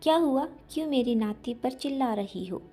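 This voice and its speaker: A woman voicing a sharp-tongued older mother-in-law who scolds her daughter-in-law, in a spoken storybook. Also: sits high, expressive, moderate pace, husky, faint music behind. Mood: scolding. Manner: scolding, indignant.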